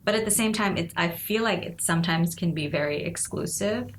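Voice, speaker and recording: A Nepali woman in her forties, with a lowish voice and a slightly fast pace, is a guest in a casual interview, captured with a little hiss or hum. She speaks thoughtfully, laughs often, and frequently says "you know."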